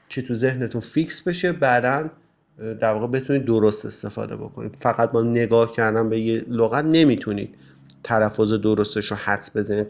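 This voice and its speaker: A male English teacher calmly explaining course tasks to students, with frequent fillers. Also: medium pitch. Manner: calm, explanatory, with many fillers. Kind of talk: recorded class instructions. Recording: dull lo-fi recording.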